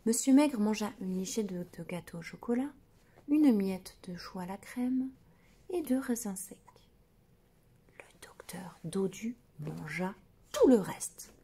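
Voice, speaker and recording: A woman reading a children's story aloud in a soft whisper, slow and drawn-out. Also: medium pitch, animated, slight background noise.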